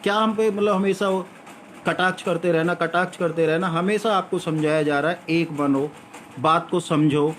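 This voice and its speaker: Guy lecturing his viewers, slightly high voice, keeps asking rhetorical questions, faint birds in the background. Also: steady tone, moderate pace, a bit bright, a little hiss or hum. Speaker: vlogger addressing viewers. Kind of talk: argumentative spoken monologue.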